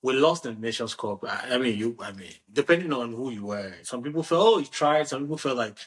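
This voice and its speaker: A man hosting a casual football discussion, animated and restarting his sentences often. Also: medium pitch, quick pace. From Nigeria. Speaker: podcast host.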